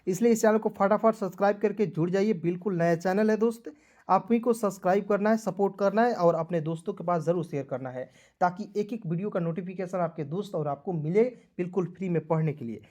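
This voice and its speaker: A man's voice: high voice, fast talker, a little mellow. A man teaches an online English spelling lesson. He spells each word letter by letter in a friendly way, keeps calling his viewers friends, and keeps asking if they follow. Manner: spells words letter by letter, often asking "ठीक है ना".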